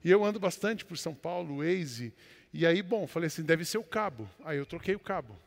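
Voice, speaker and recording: A Brazilian-accented male pastor delivers a storytelling sermon, his fairly high voice ringing with the long reverb of a large hall. He swings from loud declarations to low, confiding asides. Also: expressive, fairly quick, creaky. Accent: Brazilian Portuguese.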